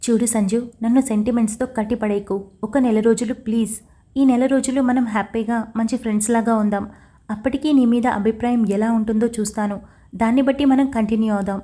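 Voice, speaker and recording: A woman's voice: fairly high pitch, steady tone, a little fast, warm tone, lightly acted. A woman reading the lines of a torn, tearful young wife in an audio story, emotional and defiant. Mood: tense.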